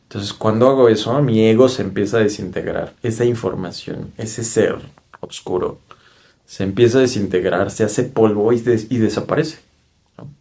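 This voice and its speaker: This spiritual speaker is a man whose voice is lowish and dark, moving at a normal speed. Speaking with a Mexican accent, he earnestly recounts something spiritual he lived through, frequently tossing tag questions to his audience.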